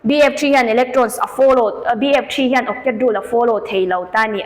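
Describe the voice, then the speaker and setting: Poor audio from a large hall captures a fast-talking woman with a rather high voice. In her exam walkthrough lesson, she goes through the answer choices in turn, explaining each.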